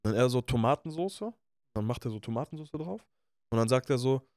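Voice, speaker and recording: A man co-hosting a podcast sits close to the mic in a dry, dead room. He talks at an ordinary pitch in loose, slangy chat. He spins stories by acting out the voices of the people in them. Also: animated, fairly quick, a little mellow, no echo. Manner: slangy, acts out people he quotes. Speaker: podcast co-host. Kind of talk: casual chat, animated storytelling.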